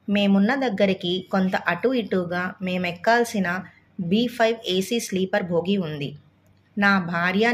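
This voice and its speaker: A woman narrating a Telugu short story as an audiobook, with steady, measured reading. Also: mid-range voice.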